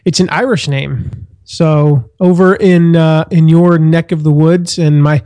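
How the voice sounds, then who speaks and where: An upbeat American man chats as a podcast guest, friendly and relaxed. His voice sits a little high for a man. The recording is dry and close, with no room sound. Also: a little slow, dry recording. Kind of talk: casual interview chat. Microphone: internet call recording.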